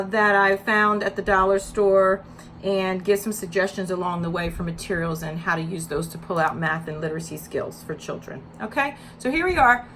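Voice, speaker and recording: An early childhood educator gives a read-aloud lesson with teaching tips, speaking instructionally and adding emphasis as she reads. Her voice is medium-pitched and a bit bright, with a little hiss or hum in the audio.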